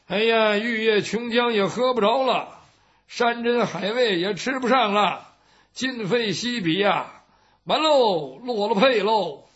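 A man doing Cheng Yaojin, a gruff brash warrior. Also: high voice, slow pace, a bit bright. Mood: lamenting. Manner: gruff, bluntly scornful, boastful. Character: blunt brash middle-aged male warrior. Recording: dull lo-fi recording.

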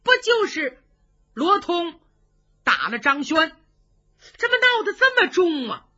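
A woman voicing a quick-tempered male emperor who barks stern orders. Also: extremely high pitch, sing-song, sharp tone, voice pushed up, exaggerated voice. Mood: uneasy. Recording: dull lo-fi recording.

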